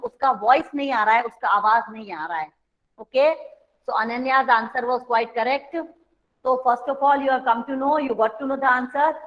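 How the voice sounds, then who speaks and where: A woman's voice: fairly high pitch, a bit bright, lo-fi sound. An Indian woman teacher giving an online class, explaining patiently and switching between Hindi and English.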